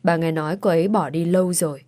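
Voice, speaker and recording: A woman voicing a stern but soft-hearted older father in a storybook reading, speaking in a gruff, scolding way. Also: fairly low pitch, steady tone, fast talker, no echo, clean studio sound, natural voice. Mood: regretful.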